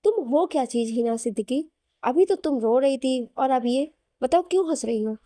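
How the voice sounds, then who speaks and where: Woman reading a snappy irritable young husband, bossy, mellow tone, dry close sound. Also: high-pitched, lively intonation, normal speed, no echo. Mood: angry. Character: arrogant angry young husband, man.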